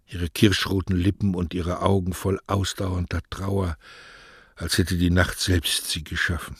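A man's voice: low-pitched, little pitch movement, measured pace, breathy edge, dry recording, studio quality. A man doing a lovesick young postman. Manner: earnest, emotional pleading.

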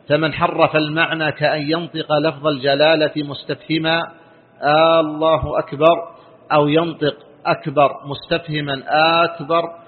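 A man reading a religious text aloud in a steady, formal recitation. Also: a little high, husky. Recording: tinny phone-like lo-fi recording.

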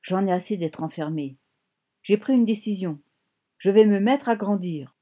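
A woman's voice: mid-range voice, moderate pace, dark tone, lightly acted. A woman reading an audiobook, voicing a bossy, scornful sister who lives as a voice inside a girl's head and speaks in a hammering, mocking way.

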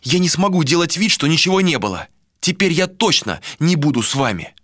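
This is a frightened young woman in an audiobook, defiant one moment and pleading the next, put on by a male reader. Her voice sits far above a man's natural range, thin and shrill. The tone is bright and cutting, recorded close with no room sound. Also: big pitch swings, fairly quick, no echo. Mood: indignant. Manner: high shrill pleading cries. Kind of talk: audiobook character voice.

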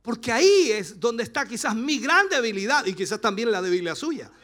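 High-voiced Chilean pastor preaching. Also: male voice, expressive, fairly quick. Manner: passionate preaching, rising to shouts. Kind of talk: sermon.

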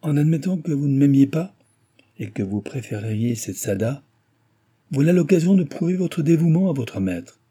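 A man narrating gives voice to a scheming young woman with a cool, measured way of talking. Her tone stays husky and a little lifted, and she bargains without hurry in a spoken storybook. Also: a little high, expressive, dark tone, voice pushed up. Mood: bargaining.

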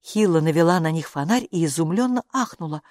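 Brief: female audiobook narrator, animated and dry-miked. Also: sits low, a little fast, dry recording. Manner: expressive, animated reading. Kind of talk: scripted storybook narration.

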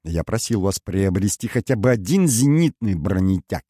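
A grave mercenary colonel with a deep, low voice, slow and measured and always deferential to his king, as a male reader puts him on. The recording is dry and close. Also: sing-song, mellow, dry recording. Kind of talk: audiobook character voice.

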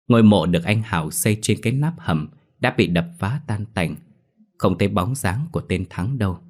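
A man narrating a horror story in a steady, measured storytelling manner. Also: low-pitched.

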